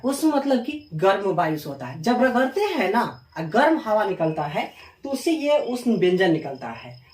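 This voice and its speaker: A woman's voice: mid-range voice, darkish tone. A woman teaching a grammar lesson. She spells out letters one by one and asks questions that she answers herself. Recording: echoey room from a distance.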